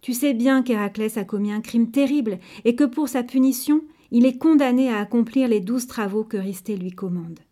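A woman's voice: a little high, normal speed, few pauses, dark tone, lightly acted. A woman voicing a clever, bold young man who pleads earnestly and persuasively.

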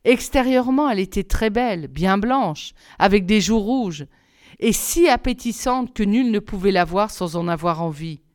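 A woman reads a fairy tale aloud with expressive, measured storytelling. Her voice is smooth and clear, recorded close with no room sound. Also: mid-range voice, dry recording. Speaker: reader.

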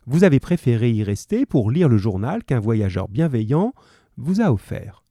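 A shrewd, kindly male detective, read aloud by a man, calmly walking a visitor through his deductions with quiet amusement. The voice is very dark and mellow, with a lively, wandering pitch, and the sound is close and dry. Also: normal speed, no room sound. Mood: calm explanation. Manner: calm, reassuring, lightly amused.

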